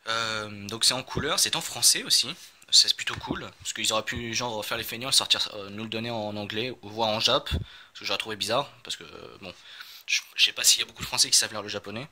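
A man's voice: lowish voice, a little fast, pushed and bright, slight background noise. A man chatting casually as he unboxes a game, rambling with many fillers and self-corrections.

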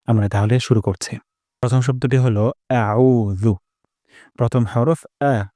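Guy teaching quran pronunciation, medium voice, repeats every sound, chants the examples real slow, dry sound. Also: mid-range voice, steady tone, warm tone, dry recording. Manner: slow drawn-out chanted demonstrations between quick explanations; patient and repetitive, drilling each sound. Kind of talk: spoken lesson on Arabic pronunciation.

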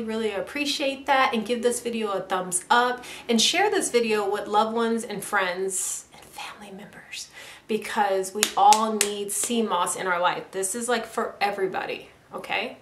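A young woman talks through a casual product review vlog. She sounds chatty and enthusiastic and leans on "like" as she goes, at a middling pitch. The room around her gives back a clear echo. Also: moderate pace, a bit bright, slight background noise. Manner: chatty, enthusiastic, fills speech with "like". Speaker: YouTuber. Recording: echoey room.

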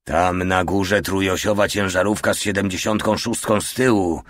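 Man reading a gruff, wary old soldier. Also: low voice, fairly even intonation, normal speed, no echo, clean studio sound, close to an everyday voice. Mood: wary, grim. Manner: gruff, terse, pessimistic. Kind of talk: audiobook character voice.

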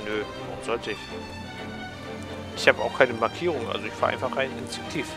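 A man's voice: medium pitch, a little fast, creaky, pushed and bright, soft background music. A man in casual banter over a shared game, teasing his partner and commenting on his own moves. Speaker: let's play co-player.

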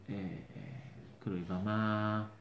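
A man tells a long joke at a relaxed, slow pace. His pitch rises and falls a lot as he acts out each character. The sound is roomy and echoey, with faint noise underneath. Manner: unhurried, lively storytelling, shifts into character voices. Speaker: joke teller. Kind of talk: storytelling a joke.

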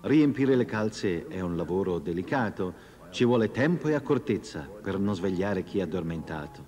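Guy narrating an old kids cartoon story, lowish voice, music playing behind him. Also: animated, moderate pace, a little mellow.

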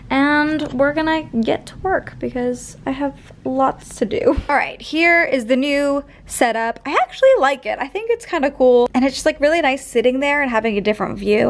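A woman's voice: high voice, slight background noise, low-quality recording. A young woman chatting casually in a home vlog, bubbly and full of filler words. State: out of breath. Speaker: vlogger. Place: her bedroom at home.

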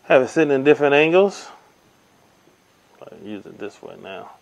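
An easygoing man narrates a hands-on tech demo at a table by the window. His voice sits in an ordinary middle range, and he walks through each step slowly with plenty of ums and uhs, as heard through a camera mic. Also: mid-range voice, very animated, highs cut off. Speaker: tech reviewer. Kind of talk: casual hands-on product demo. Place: indoors at a table by window blinds.

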